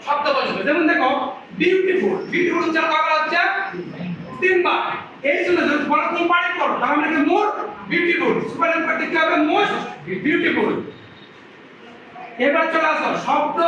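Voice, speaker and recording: A man's voice: extremely high pitch, sharp tone, a little hiss or hum. A man teaching grammar in a classroom lecture, asking his students questions and answering them himself. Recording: echoey room from a distance.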